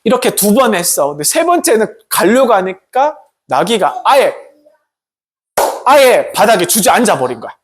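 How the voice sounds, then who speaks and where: A man preaching a lively story sermon to students, often asking them questions. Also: high-pitched, normal speed, background noise. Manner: animated storytelling with questions to the audience. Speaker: pastor.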